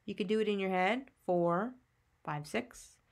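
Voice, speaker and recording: In a maths lesson aimed at young children, a female teacher patiently walks a child through counting, one step at a time, using simple questions and answers. She speaks at medium pitch and a little slowly.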